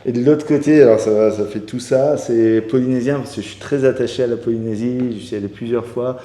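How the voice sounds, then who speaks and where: A man's voice: mid-range voice, steady tone, fairly quick, dark tone. A man hosting a casual interview chat, talking enthusiastically with many restarts. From Iranian heritage. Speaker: host. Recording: echoey room with long reverb.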